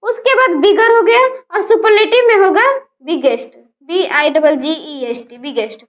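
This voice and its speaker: Teacher, woman, very high voice, spells words out slowly in a grammar lesson.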